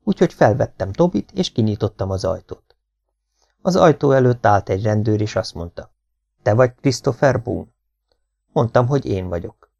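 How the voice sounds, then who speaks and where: A man reading an audiobook aloud as first-person narration, in a plain, flat manner. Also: fairly low pitch, gravelly, dry recording. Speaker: audiobook reader. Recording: dull lo-fi home recording.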